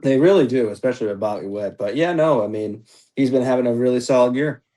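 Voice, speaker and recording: A man's voice: medium pitch, quick pace, dark tone. A young man co-hosting a baseball podcast, talking casually with lots of fillers and playfully ribbing his co-host. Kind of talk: casual sports podcast chat.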